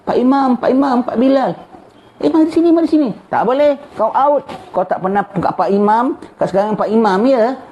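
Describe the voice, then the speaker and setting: A man's voice: lively intonation, brisk, a little mellow, muffled recording. A preacher putting on a pleading, anxious man. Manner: high, pleading calls.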